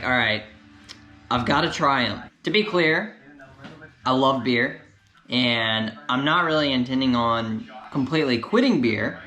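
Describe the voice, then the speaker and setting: Male vlogger, mid pitch, relaxed chatty delivery, roomy home sound with faint background hum. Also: highs cut off. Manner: chatty, easygoing, talks while eating. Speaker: cycling vlogger. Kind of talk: casual vlog to camera. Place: home, kitchen and couch.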